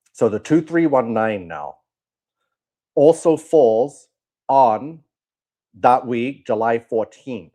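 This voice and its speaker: A man speaking in a lowish voice as he hosts a casual livestream. His talk is loose and chatty, and he often stops to ask "right?" after his points. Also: darkish tone. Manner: keeps checking in with "right?". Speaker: livestream host.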